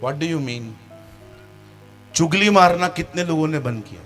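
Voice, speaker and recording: A man's voice: a little high, animated, measured pace, a bit bright, faint music behind. A man preaching a sermon as pastor in a church meeting, joking with the congregation and mimicking its members.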